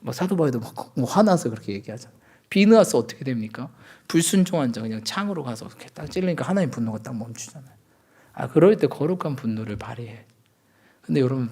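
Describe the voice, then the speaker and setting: A man's voice: medium pitch, animated, fast talker, darkish tone, slightly rough. A man, a pastor, preaching a sermon at a Friday night church service. He acts out everyday quarrels and keeps asking the congregation for agreement.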